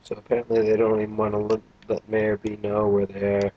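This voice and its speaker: A man's voice: fairly low pitch, completely flat delivery, fairly quick, dull audio. A young man casually commentating a video game, tired and yawning, with a crude, joking, rambling manner. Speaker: let's play gamer.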